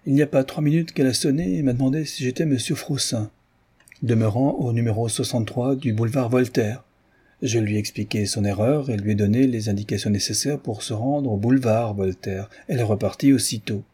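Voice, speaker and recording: A man voicing a playful, gallant gentleman adventurer in an audiobook, raising his voice with airy politeness. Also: mid-range voice, brisk, husky, lightly acted.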